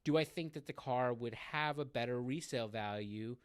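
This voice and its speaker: A man's voice: mid-range voice, moderate pace, clean tone. A man co-hosting a car podcast in casual chat, rambling with many fillers and restarts. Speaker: podcast co-host.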